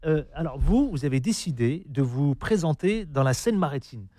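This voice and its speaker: A man's voice: on the high side, lively intonation, normal speed, mellow, no room sound, clean studio sound. A man hosting a radio interview, teasing and theatrical with his guest. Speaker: radio host.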